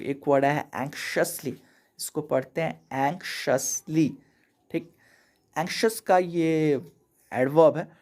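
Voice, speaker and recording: An English teacher from India with a mid-range, darkish voice runs a casual, chatty vocabulary lesson over slides. He explains each word and checks in with "theek hai" after every point.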